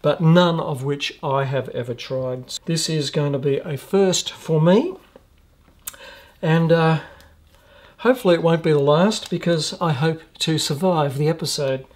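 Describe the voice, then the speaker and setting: Slow-talking Australian man reviewing hot sauce. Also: a little high. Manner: chatty, reads labels aloud with dry jokes. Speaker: food reviewer. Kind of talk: casual hot sauce taste-test vlog.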